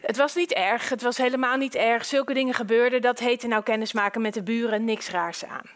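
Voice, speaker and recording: A woman narrating an audiobook with a fairly high voice. Her reading is calm and measured. She keeps an even storytelling pace.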